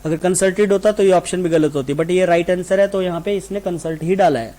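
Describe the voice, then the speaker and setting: A man runs an online exam-prep class. His voice sits fairly high for a man. He moves between Hindi explanation and slow, deliberate readings of the answer sentences. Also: dark tone. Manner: explains in Hindi mixed with English, reads answer sentences slowly. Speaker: English teacher for exam coaching.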